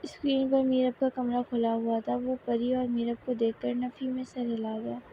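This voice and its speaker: A woman reading a romance novel aloud in a steady, even storytelling manner. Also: a little high, moderate pace, lo-fi sound, slight background noise. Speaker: novel reader. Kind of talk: scripted narration of a romance novel.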